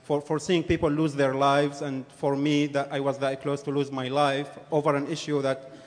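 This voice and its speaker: A man's voice: medium pitch, little pitch movement. Earnest man testifying in a reverberant hall. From Jordan. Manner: earnest, halting with repeated words. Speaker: witness giving testimony. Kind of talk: formal public testimony. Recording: reverberant hearing room.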